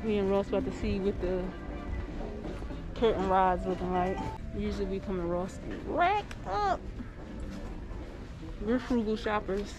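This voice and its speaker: A woman vlogging in casual chat, loud and profane, laughing often. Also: medium pitch, animated, a little slow, pauses often, over music. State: out of breath.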